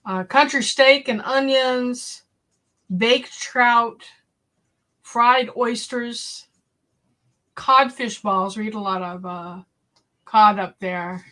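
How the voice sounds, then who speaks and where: A woman's voice: fairly high pitch, drawn-out words, long pauses, sharp tone. A woman from New England hosting a casual live stream, chatting with viewers and reading recipe lists aloud from an old cookbook. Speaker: homestead channel host.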